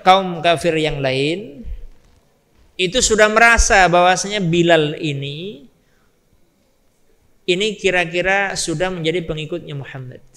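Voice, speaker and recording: Before a live congregation, a male Islamic preacher with a fairly high, sharp voice tells stories in his sermon. He speaks emphatically, repeats phrases and asks his audience questions, all heard through a long hall reverb.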